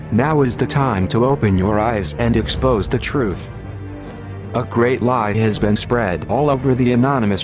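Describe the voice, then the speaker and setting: Disguised deep male voice over music. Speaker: anonymous narrator of an online message. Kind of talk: scripted read-out statement.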